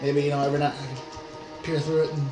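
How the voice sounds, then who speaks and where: Slightly high-voiced man playing a tabletop game. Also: little pitch movement, racing. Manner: casual, hesitant, thinks aloud. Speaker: player. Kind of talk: casual game chat. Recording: roomy recording with background music. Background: background music.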